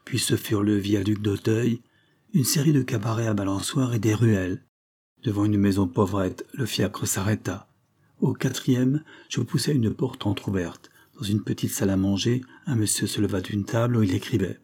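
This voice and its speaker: A man narrating a story in a measured, literary way as an audiobook reader. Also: on the low side, darkish tone, breathy edge.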